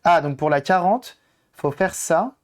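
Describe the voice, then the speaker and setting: A hoarse man on a live stream, chatting casually with viewers and thinking aloud as he tinkers with electronics. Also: on the high side, measured pace. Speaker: streamer doing electronics modding. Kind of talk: casual live-stream chat while working.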